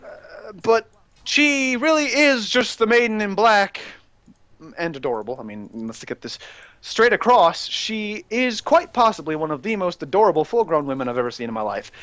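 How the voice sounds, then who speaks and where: A young man hosting a rambling, excitable gaming rant that breaks into shouting while he plays. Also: high voice, normal speed, dry recording. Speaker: gaming channel host ranting.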